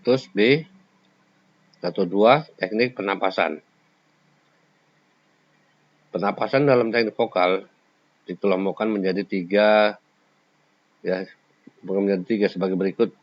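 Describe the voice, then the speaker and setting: Here a man's lowish voice moves at normal speed with frequent pauses. He's giving a classroom lecture, explaining one point after another and now and then singing brief examples, captured in slightly dull lo-fi audio.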